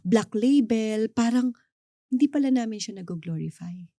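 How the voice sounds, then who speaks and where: A woman's voice: on the high side, lively intonation, a little slow, warm tone, no echo, clean studio sound. A middle-aged Filipino woman with a Filipino accent, earnestly sharing a faith testimony as an interview guest and mixing English into her Tagalog. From Philippines.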